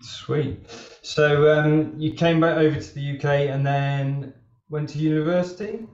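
A man's voice: fairly high pitch, steady tone, a little slow, darkish tone, no echo, muffled recording. A man in his thirties hosting a running interview show, talking casually with lots of fillers. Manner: chatty, loose, many fillers. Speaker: running podcast host. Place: outdoors on a wet street, then a home room on a video call.

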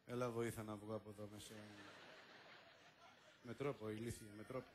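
A man's voice: sits high, pushed and bright, slight background noise. An actor playing a bumbling lovesick man who mutters clumsy asides and scolds his helper, in an old film comedy. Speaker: comic lead in a film. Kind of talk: 1960s Greek film comedy acting.

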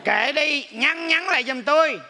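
A man's voice: very high-pitched, unhurried, bright, forceful tone, a faint crowd. A man playing a comic spirit in a live stage sketch, dropping wry asides. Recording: live stage with faint noise.

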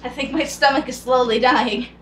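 A woman playing a hot-tempered, foul-mouthed young Italian man in an amateur cosplay comedy skit, snapping in loud outbursts, filmed by a far camera in a home kitchen. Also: sits high, fairly even intonation, moderate pace, echoey room, a little hiss or hum. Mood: irritable. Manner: swears and snaps in loud outbursts.

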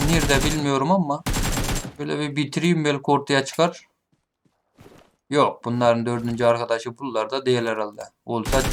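A man's voice: mid-range voice, noisy background. Taunting man narrating his gameplay. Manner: taunting opponents, mutters then shouts. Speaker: gaming streamer. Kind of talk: live gameplay commentary. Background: game gunfire.

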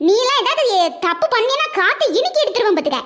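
A woman's voice: extremely high pitch, big pitch swings, quick pace, fairly bright tone, full character voice. A woman voicing a strict schoolteacher in a cartoon, with a Tirunelveli Tamil accent and a stern, scolding manner. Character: strict middle-aged female schoolteacher. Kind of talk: cartoon voice acting.

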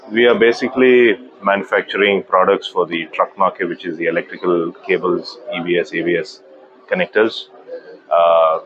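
A man in his thirties, a company managing director, giving a trade-show business interview in a measured, hesitant way with many fillers. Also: sits low, dull audio. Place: indoor exhibition booth.

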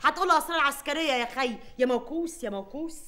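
A woman's voice: sits high, rapid-fire, sharp tone. An actress playing a sarcastic, mocking young woman with an Egyptian Arabic accent in a sitcom.

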